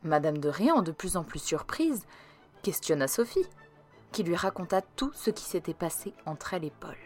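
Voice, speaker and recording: A woman reading a storybook aloud, measured and expressive. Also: lowish voice, soft background music. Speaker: narrator.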